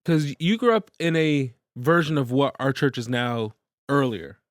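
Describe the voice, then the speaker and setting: A man's voice: medium pitch, measured pace, dry recording. Laid-back man saying "dude", dry sound. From Massachusetts, USA. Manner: casual, says "dude" often, jumps in with interjections. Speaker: podcast co-host. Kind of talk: casual chat.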